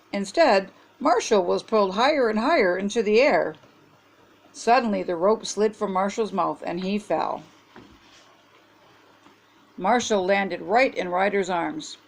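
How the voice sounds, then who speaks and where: An older woman hosting her own show, reading a children's picture book aloud in a gentle, animated way. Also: mid-range voice, unhurried. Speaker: storybook reader.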